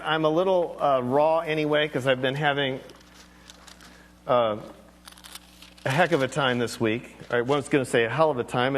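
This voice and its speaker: Guy pastor giving a sermon, talks off the cuff, loose and rambly, pokes fun at himself, bit higher voice. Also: a bit bright. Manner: candid, rambling, self-deprecating asides.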